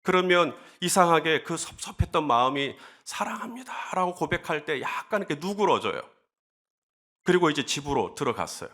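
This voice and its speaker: A man preaching a sermon as pastor, animated, acting out grumbling voices and then dropping to a soft, confiding tone. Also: mid-range voice.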